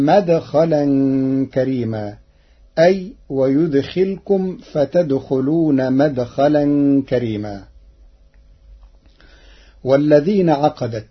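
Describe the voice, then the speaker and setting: A man teaching Quran recitation variants in a measured way, quoting each verse and then explaining it. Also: a little high, slightly rough. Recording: dull lo-fi recording.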